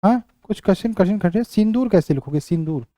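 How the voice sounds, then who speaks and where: High-voiced man teaching spelling drills. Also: lively intonation, a little fast, warm tone, no room sound, clean studio sound. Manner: repeats words while writing them out, checks in with "ठीक". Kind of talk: online exam-prep lesson.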